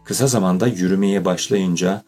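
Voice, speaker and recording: A man narrates a children's audiobook in a steady, measured way. His voice sits low and slightly husky. Faint music plays softly beneath him. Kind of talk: scripted narration.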